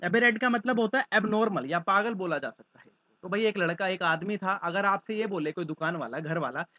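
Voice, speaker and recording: A man's voice: high voice, brisk, dry recording, lo-fi sound. A male teacher explaining vocabulary through mnemonics, acting out little scenes as he goes. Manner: lively, acts out little scenes.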